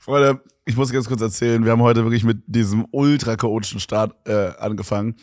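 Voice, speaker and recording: A man's voice: medium pitch, fairly even intonation, fairly quick, a little mellow, no echo, clean studio sound. A young man co-hosting a podcast, telling anecdotes in rambling, slangy casual chat. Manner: rambling, slangy, laughs a lot. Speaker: podcast co-host. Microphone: studio podcast mic.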